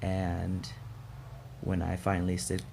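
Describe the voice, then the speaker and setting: A young man with a low, gravelly voice speaks candidly to his vlog audience. He is reflective and halting, choosing words as he goes. Faint outdoor ambience sits behind his mellow tone. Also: monotone, a little hiss or hum. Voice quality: gravelly, throat-clearing. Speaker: vlog host. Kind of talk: casual personal vlog. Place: outdoors in chilly morning air.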